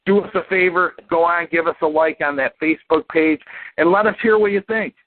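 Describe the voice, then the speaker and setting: A man's voice: a little high, a little fast. A man co-hosting a wrestling podcast in casual chat, rambling with lots of fillers and folksy asides. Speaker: podcast co-host. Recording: tinny phone-line audio.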